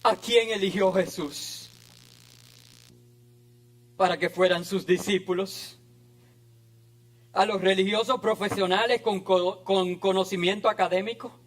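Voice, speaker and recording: A man's voice: high voice, fairly even intonation, a little slow, pauses often. A man preaching an impassioned, emphatic sermon as a pastor in a church.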